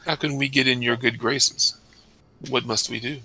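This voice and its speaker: A man's voice: mid-range voice, fairly even intonation, normal speed, pushed and bright, low-quality recording. A man playing a tabletop game, questioning the group and planning aloud. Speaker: player. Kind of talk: casual in-game talk. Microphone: home mic on a voice call.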